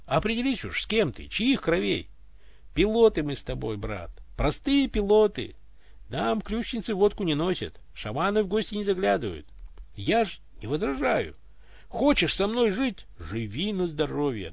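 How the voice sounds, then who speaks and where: Dude voicing a blunt coarse space pilot, lively and raised, dull dry audio. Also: male voice, on the high side, moderate pace, vocal fry, husky, no echo, voice pushed up, heavily acted. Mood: boastful. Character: rough-spoken space fleet pilot, coarse and boastful.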